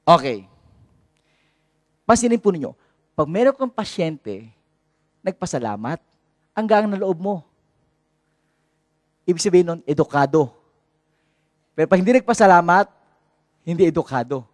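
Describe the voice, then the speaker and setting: Animated Filipino priest preaching. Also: male voice, high-pitched, normal speed, pauses often, dry recording. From Philippines. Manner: lively, mixes Tagalog and English, calls out to the congregation. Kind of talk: sermon.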